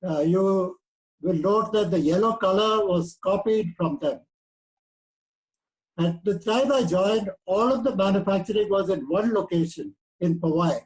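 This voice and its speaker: Older Indian English speaker, 80s, fairly high voice, steady lecturing delivery. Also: male voice, low-quality recording. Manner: measured, lecturing. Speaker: guest speaker. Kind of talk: prepared talk.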